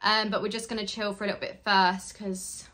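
A woman's voice: mid-range voice, little pitch movement, a little fast, sharp tone, low-quality recording. A young woman from England, chatting casually to her phone camera in a rambling vlog full of fillers. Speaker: vlogger. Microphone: handheld phone.

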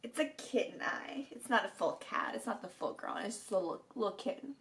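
A woman's voice: mid-range voice, lively intonation, brisk, fairly bright tone. A young woman from Minnesota vlogging at home, chatting casually and giggling, with a froggy morning voice. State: morning voice, just woke. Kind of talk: casual chat to camera. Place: at home, indoors. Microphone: camera on a stand.

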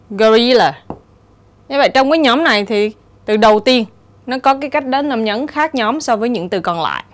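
A woman teacher giving a steady, explanatory exam-prep lesson and reading the answer options aloud. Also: on the high side. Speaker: English teacher.

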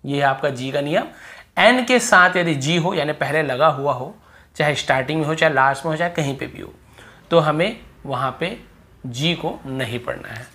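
Man slowly teaching pronunciation rules. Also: a little high, pushed and bright. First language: Hindi. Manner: explains slowly, repeats words for drill. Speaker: English teacher. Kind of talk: classroom lesson.

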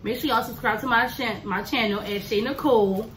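A woman's voice: on the high side, fairly quick, a bit bright, recorded from a distance. A woman with a New Orleans accent, a guest YouTuber in a casual chat, blunt and matter-of-fact. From New Orleans, USA. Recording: echoey room, faint noise.

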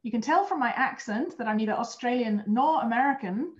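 Speaking through a webcam as an interview guest, a former astronaut trainer, a European woman in her thirties, earnestly describes her work and occasionally restarts a phrase. Her voice sits on the high side, brisk with lively intonation. Muffled, lo-fi sound and a roomy echo surround her.

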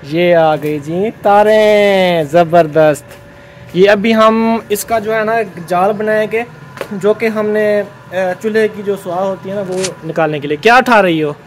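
A man's voice: sits high, a little hiss or hum. Chatty man explaining his home building work. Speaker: vlogger. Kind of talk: casual home vlog chat.

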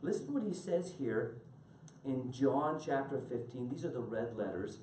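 Lively pastor preaching in an echoey church. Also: male voice, medium pitch, normal speed, slight background noise. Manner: animated, laughing storyteller addressing congregation by name. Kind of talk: sermon. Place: church sanctuary. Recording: echoey room from far off.

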